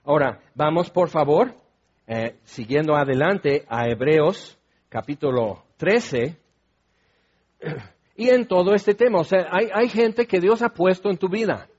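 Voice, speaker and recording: A high-voiced man preaches a sermon. He explains scripture in a relaxed, conversational way and adds asides to his listeners. The recording sounds dull and lo-fi. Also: a little slow, husky. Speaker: pastor.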